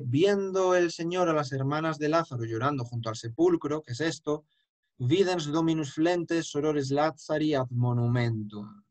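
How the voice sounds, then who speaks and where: Man, chant teacher, lecturing, emphatic, slow and deliberate. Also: fairly high pitch. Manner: explanatory, emphatic, breaks into chant. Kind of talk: lecture with sung examples.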